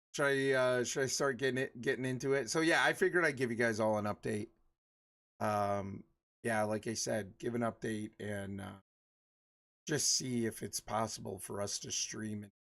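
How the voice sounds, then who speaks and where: A man's voice: lowish voice, gravelly, fairly bright tone. A man in his forties chatting casually with his livestream viewers, rambling and laughing often. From Michigan. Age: 40s. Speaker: livestream host.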